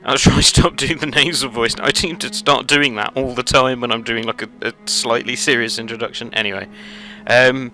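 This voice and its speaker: A man hosting a casual let's play, talking in a rambling, halting way full of fillers and self-corrections, recorded at home on a headset. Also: medium pitch, steady tone, pushed and bright, soft background music. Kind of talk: casual gameplay commentary. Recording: noticeable background noise.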